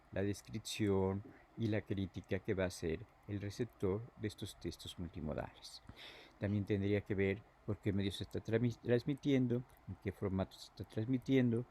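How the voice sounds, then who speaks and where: Man, teacher's lecture, lowish pitch, mellow tone, halting with fillers. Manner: halting, repeats words, fills with "este".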